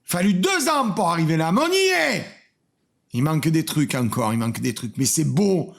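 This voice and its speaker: A gravelly, rough-edged male voice that keeps bursting into loud comic shouts. He reacts to a video from his home studio, sliding between boisterous yelling and low, confiding mutters. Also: big pitch swings, normal speed. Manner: shouts exclamations, swings from bellowing to low mumbling. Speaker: cooking channel host reacting to a video. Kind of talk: excitable comedic reaction commentary.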